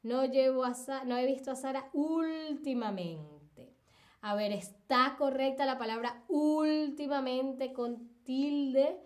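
Female teacher, high voice, unhurried delivery, patient live-stream lesson with lots of repetition. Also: a little mellow. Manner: patient, repeats examples and asks "¿ok?".

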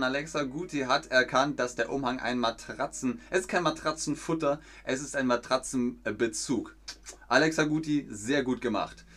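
A man at a mid pitch talks casually to viewers on a live stream. He reads their comments aloud and hesitates with frequent fillers as he runs a friendly quiz. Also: a bit bright. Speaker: streamer hosting a fan quiz.

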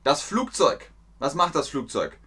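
A man teaching idioms in a language lesson, slow and clear, repeating phrases and acting out little scenes in playful put-on voices. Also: a little high, sing-song, bright, forceful tone. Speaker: German teacher.

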